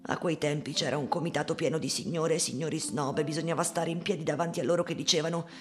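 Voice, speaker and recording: A woman's voice: low-pitched, steady tone, quick pace, faint music behind, close to an everyday voice. A woman voicing a poor old woman who is recalling hard times, in a plain, sorrowful audiobook reading. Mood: weary, sorrowful.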